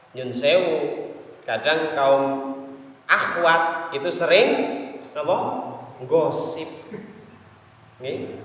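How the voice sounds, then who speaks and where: A man preaching a slow religious lesson, chanting Arabic verses now and then. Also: sits high, a bit bright, distant mic. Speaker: Islamic preacher. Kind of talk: sermon. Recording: roomy hall, speaker away from mic.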